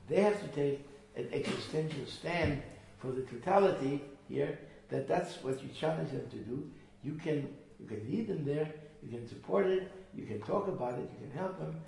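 Gravelly guy teaching, earnest, keeps repeating himself, sounds far off in a big echoey room. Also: on the high side, a little mellow, slight background noise. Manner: earnest, emphatic, repeats phrases. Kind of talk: lecturing a small group.

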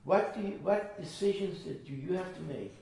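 A man's voice: high-pitched, normal speed, creaky, warm tone. A man teaching a small group, earnest and emphatic, often repeating his phrases. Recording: echoey room from far off with faint noise.

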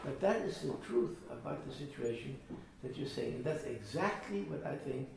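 A man's voice: medium pitch, lively intonation, moderate pace, vocal fry, a little mellow. A man teaching a small group, earnest and emphatic, often repeating his phrases. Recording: echoey room from far off with faint noise.

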